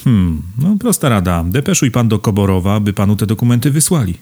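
A man voicing a calm, cunning young man who answers dryly and offhandedly in an audiobook. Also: lowish voice, brisk. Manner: dry, laconic, offhand. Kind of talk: audiobook character voice.

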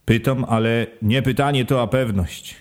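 A man's voice: mid-range voice, fairly even intonation, normal speed, darkish tone. A man reading an audiobook as a first-person storyteller, in an earthy, rustic folk style. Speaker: audiobook reader.

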